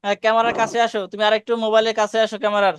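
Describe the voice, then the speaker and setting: Quran tutor on a video call: man, high voice, quick and crisp, keeps correcting and repeating short commands. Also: completely flat delivery, fairly bright tone. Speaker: Quran recitation teacher. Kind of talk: online class instruction.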